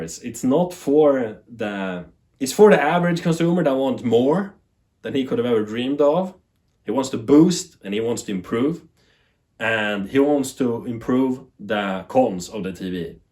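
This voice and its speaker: A Swedish man with a medium-pitched voice speaks English as a second language, his Swedish accent clear. He's a TV tech YouTuber rambling animatedly to the camera and laughing at himself.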